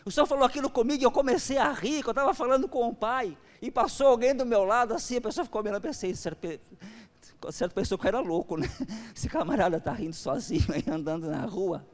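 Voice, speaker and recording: A man with a Brazilian Portuguese accent preaching a sermon as pastor, swinging between soft, intimate passages and loud, impassioned exhortation. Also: extremely high pitch, fast.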